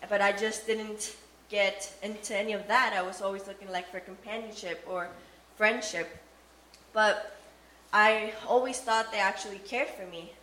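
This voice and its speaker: A young woman from Costa Rica tells her faith testimony in a plain, earnest way. Her pitch sits in a middle range. The room carries a noticeable echo. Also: steady tone, normal speed, sharp tone. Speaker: testimony speaker. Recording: echoey room.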